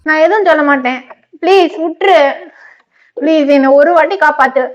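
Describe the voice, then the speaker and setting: Tamil wife in a couple vlog, very high voice, frantic, pleading, close to tears. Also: female voice, brisk, highs cut off, noisy background. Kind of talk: casual couple banter.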